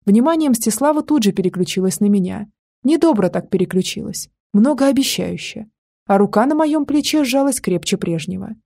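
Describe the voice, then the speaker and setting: A woman narrates a first-person audiobook with an expressive, playful delivery. Her voice is husky and grainy, with a dark, mellow tone. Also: medium pitch, normal speed. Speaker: audiobook reader.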